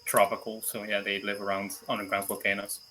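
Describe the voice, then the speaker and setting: A man's voice: on the low side, completely flat delivery, fairly quick, a loud crowd. A man playing a tabletop game casually, often restarting and repeating words. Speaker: player.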